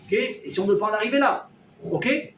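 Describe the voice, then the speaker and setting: A man teaching a lively Torah class to a live audience, acting out everyday dialogues and firing questions at his listeners. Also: high voice, fairly quick. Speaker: rabbi teaching a weekly class. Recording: roomy hall, mic at a distance, faint noise.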